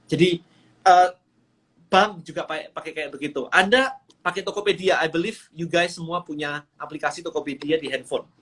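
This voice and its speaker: A man with a somewhat high-pitched voice explains a business framework step by step. He talks like a coach on a phone livestream, mixing English terms into his speech. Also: moderate pace, fairly bright tone. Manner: explanatory, mixes English phrases. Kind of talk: Instagram livestream talk.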